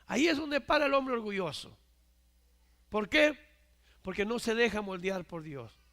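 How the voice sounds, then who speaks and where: A male preacher delivering a sermon, emphatic, swinging from loud declarations to hushed asides and often asking his listeners for agreement. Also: sits high, expressive, unhurried. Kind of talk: Spanish-language church sermon.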